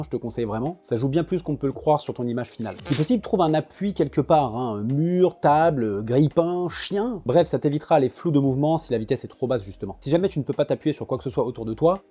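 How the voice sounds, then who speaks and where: A man's voice: a little high, mellow. A young man giving a casual photography tutorial, chatty and joking as he addresses the viewer informally. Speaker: photography teacher.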